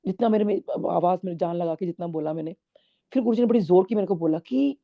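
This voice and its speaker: Speaking quickly in a lowish voice, a middle-aged woman at a satsang recounts her devotional testimony to the congregation. She tells it in an earnest, storytelling manner, drops English words into her speech, and the lo-fi recording sounds dull.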